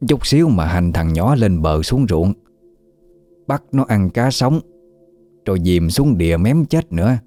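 A man voicing a sharp-tongued old village shaman woman who gives stern commands. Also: deep voice, sing-song, unhurried, pauses often, no echo, soft background music. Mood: scolding.

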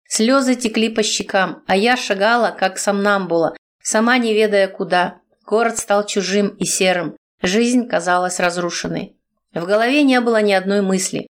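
A woman narrating an audiobook in the first person, in an earnest, emotional storytelling manner. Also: medium pitch.

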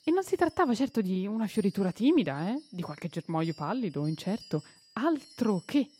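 A woman reading a children's novel aloud on radio, expressive and unhurried, with small slips and self-corrections. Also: medium pitch, breathy edge. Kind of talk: storybook reading. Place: radio studio.

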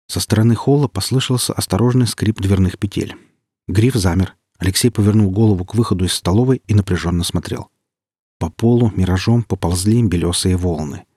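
Husky low-voiced male narrator. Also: darkish tone, no echo, studio quality. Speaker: audiobook narrator. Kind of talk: audiobook narration.

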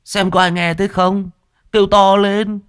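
A man's voice: flat delivery, normal speed, a bit bright, clean tone, no room sound, clean studio sound. Man doing a jeering young village thug. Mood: mocking. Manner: mocking, shrill taunting wails.

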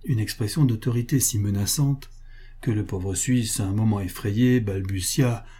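A man reading a classic novel aloud as an audiobook narrator, in a measured storytelling manner. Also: lowish voice, warm tone, breathy edge. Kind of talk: scripted narration.

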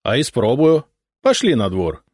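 A man's voice: mid-range voice, wildly swooping pitch, a little slow, darkish tone, breathy edge, dry recording, clean studio sound, pitched above the performer's own voice, heavily acted. A man voicing a boastful, doubting Cossack commander who talks in brash, rustic speech.

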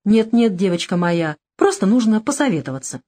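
A woman's voice: medium pitch, very animated, moderate pace, warm tone. A woman voicing a worried middle-aged male crime boss who talks bluntly in an audiobook. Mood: uneasy.

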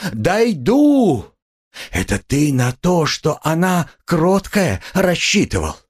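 A frantic destitute woman, as a male audiobook reader puts her on, who shrieks her scorn way up high and swings wildly from word to word. her voice stays husky under the screaming. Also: exaggerated voice. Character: hysterical, proud, destitute middle-aged woman. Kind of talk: audiobook character voice.

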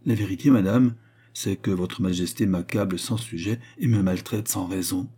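A sly noblewoman, read by a man in a low, husky voice, answering with guarded, false meekness. She sounds humble on the surface but insolent beneath, in a spoken storybook. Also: normal speed, dark tone. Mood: feigned meekness. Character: scheming noblewoman, feigning humble innocence. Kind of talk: audiobook reading.

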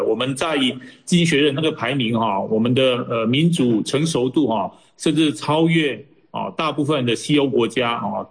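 A man, an ambassador answering interview questions in a measured way, with many hesitations. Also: mid-range voice, poor audio. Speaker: ambassador, remote guest.

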